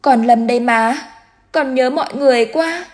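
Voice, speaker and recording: A woman's voice: normal speed, a little mellow, close to an everyday voice. Woman doing the tearful ghost of a young boy. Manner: high, tearful and pleading. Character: dead young boy's spirit, frightened and tearful.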